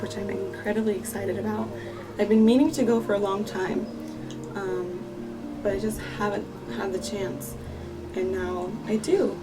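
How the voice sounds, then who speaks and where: A woman's voice: mid-range voice, recorded from a distance, rough recording. Young woman chatting while doing makeup. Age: 20s. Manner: chatty, reflective, many "like" fillers. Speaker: vlogger. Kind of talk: casual get-ready-with-me chat. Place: outdoors by a pool on holiday.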